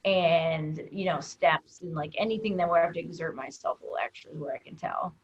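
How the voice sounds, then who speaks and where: A woman talking in a casual video call discussion, rambling with many fillers and sometimes trailing off quietly. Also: low-pitched, brisk, highs cut off. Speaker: comedian and guest.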